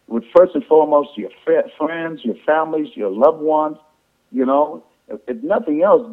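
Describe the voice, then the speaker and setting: Man pitching over a tinny phone line. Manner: repetitive, halting explanation with false starts. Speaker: presenter on an affiliate sales call. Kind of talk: informal sales pitch to affiliates. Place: conference call over the phone. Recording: tinny, band-limited phone conference line.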